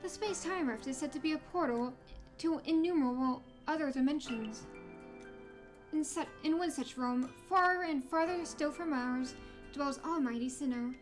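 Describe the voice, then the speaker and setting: Woman voicing a stately, high-voiced fantasy sage. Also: moderate pace, faint music behind, lightly acted. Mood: grave, instructive. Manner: formal, archaic, grave. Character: stately, cryptic female sage from a fantasy game. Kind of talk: reading game dialogue in character.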